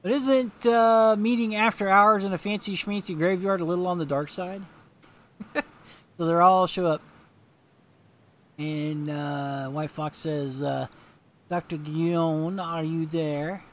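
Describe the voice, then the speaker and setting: A man's voice: sits high, steady tone, unhurried, long pauses, fairly bright tone. A man casually commenting on a game with a friend, joking and reading bits of dialogue aloud. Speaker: co-host watching a game.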